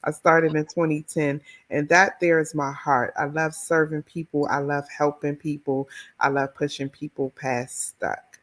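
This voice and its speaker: A woman's voice: low-pitched, measured pace. A middle-aged woman from the Washington, D.C. area, an author and educator telling her story in an interview. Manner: expressive, animated storyteller.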